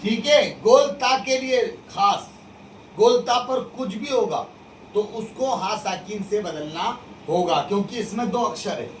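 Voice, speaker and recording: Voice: medium pitch, measured pace. A religious studies teacher leading a call-and-response classroom drill, stating rules and quizzing the students with repeated questions. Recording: echoey room, distant mic, faint noise.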